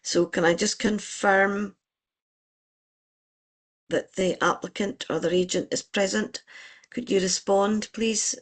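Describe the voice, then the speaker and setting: Convener with a gravelly voice. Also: medium pitch, fairly even intonation. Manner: procedural, measured, polite. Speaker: licensing board convener. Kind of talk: formal meeting chairing.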